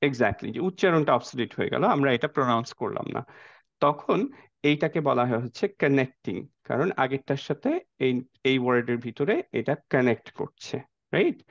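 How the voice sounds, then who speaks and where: A man teaching a Quran reading class, explaining step by step and often asking his students questions. His voice sits at a middle pitch and comes through a dull, dry recording with little room sound. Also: normal speed, vocal fry, dry recording. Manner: mixes English words into speech. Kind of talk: classroom lecture.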